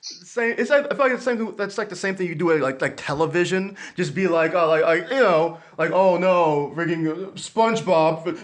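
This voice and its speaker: A man hosting a casual podcast interview, joking and answering with quick laughs. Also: sits high, a bit bright. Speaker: podcast host.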